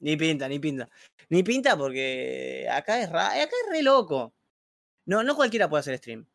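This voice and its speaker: A young man with a Rioplatense Argentine accent, talking in slangy, animated bursts on a livestream chat. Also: a little high, normal speed, creaky, dry recording. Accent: Rioplatense Spanish. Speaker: streamer guest. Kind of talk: casual chat on a stream.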